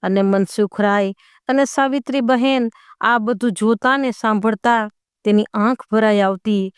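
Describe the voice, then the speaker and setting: A woman narrating a moral story in a gentle, heartfelt way. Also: medium pitch, unhurried, clean tone, dry recording, clean studio sound.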